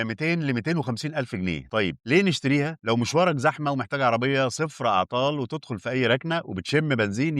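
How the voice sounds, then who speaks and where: A man with an Egyptian accent talks at a breakneck clip, firing off engine figures and prices in clipped list-like bursts. His voice sits at an ordinary middle pitch. The sound is close and dry, with no room around it. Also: fairly bright tone, no echo. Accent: Egyptian Arabic. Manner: rattles off specs in short list-like phrases. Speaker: car reviewer. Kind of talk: spec rundown, direct address to viewers.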